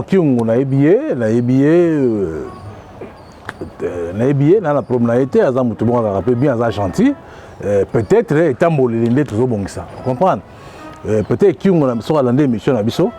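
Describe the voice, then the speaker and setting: A man's voice: mid-range voice, animated, a little fast, mellow, soft background music. A man who leads a community of customary chiefs answers interview questions, speaking emphatically and checking often that he is understood. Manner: emphatic, often repeats "vous comprenez?". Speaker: president of a traditional chiefs' community.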